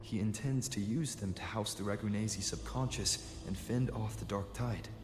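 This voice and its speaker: A man voices an earnest, thoughtful young adventurer in a video game's story dialogue, reasoning aloud in a measured, articulate way as he pieces clues together. His lowish, pondering voice sounds close to everyday speech, with echoey hall reverb and game music behind.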